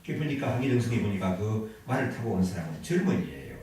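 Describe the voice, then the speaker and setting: A man's voice: lowish voice, animated, fast, a little mellow, heavy reverb, recorded from a distance, rough recording. A man preaching a sermon as a pastor, telling a story and asking the congregation questions. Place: church sanctuary.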